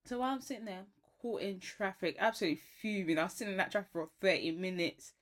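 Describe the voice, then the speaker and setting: A woman's voice: mid-range voice, quick pace. A young woman with a London accent chatting casually, with slangy and emphatic reactions. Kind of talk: casual chat.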